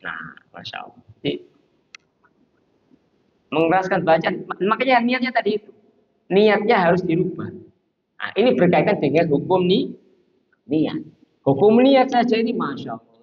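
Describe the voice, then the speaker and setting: A man giving a lively lecture on Islamic law in a mosque, acting out small scenes. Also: a little high, dull audio. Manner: animated, acts out little scenes and chants to show intonation. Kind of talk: conversational religious lecture. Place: mosque hall.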